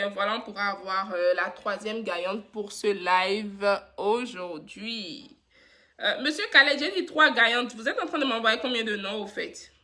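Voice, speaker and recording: A woman talks to her viewers in a casual live stream, warm and chatty with everyone who writes in. Her voice sits a little high and rings bright and forceful. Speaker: live-stream host running a giveaway.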